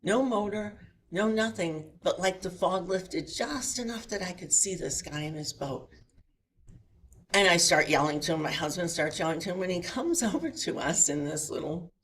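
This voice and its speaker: A woman's voice: fairly low pitch, normal speed, a little hiss or hum. Woman telling a story from a chapel pulpit. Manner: animated, asks the audience rhetorical questions. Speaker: guest speaker at a chapel. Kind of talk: storytelling spiritual lecture. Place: chapel hall before an audience.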